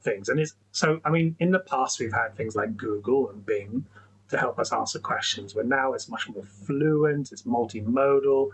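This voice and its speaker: A man's voice: mid-range voice, moderate pace, slight background noise, low-quality recording. A man talking through a screen-recorded tutorial in a chatty, rambling way, restarting sentences and saying "okay, so" often. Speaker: tech educator.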